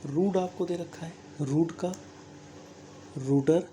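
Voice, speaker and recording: A teacher with an Indian English accent works through a grammar exercise at an unhurried, measured pace. The voice is soft and mellow. A faint hiss sits under the recording. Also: mid-range voice. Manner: slow, deliberate, checks understanding with frequent "theek hai"; spells words out letter by letter. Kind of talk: recorded classroom-style grammar lesson.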